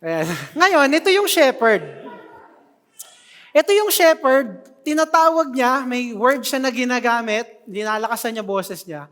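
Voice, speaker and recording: Animated preacher with hall reverb. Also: medium pitch, unhurried. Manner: animated, joking with the congregation. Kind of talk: sermon. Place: church hall. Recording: long reverb of a church hall.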